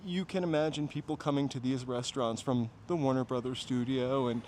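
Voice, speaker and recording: Walking outdoors on city streets, a New Hampshire man livestreams and chats casually in meandering asides to his viewers. His voice is a little high, and traffic, passing vehicles, and general city ambience sound behind him.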